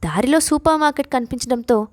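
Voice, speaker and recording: A woman storyteller giving scripted audio-story narration in a steady, even manner. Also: high-pitched, fast, dry recording, studio quality.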